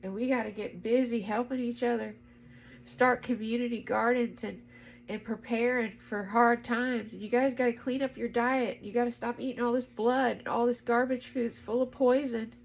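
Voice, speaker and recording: A woman's voice: a little high, steady tone, moderate pace, vocal fry, slight background noise, low-quality recording. A woman talking in an earnest, emotional way in a spiritual vlog, urging her listeners to act. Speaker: spiritual vlogger. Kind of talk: heartfelt spiritual vlog talk.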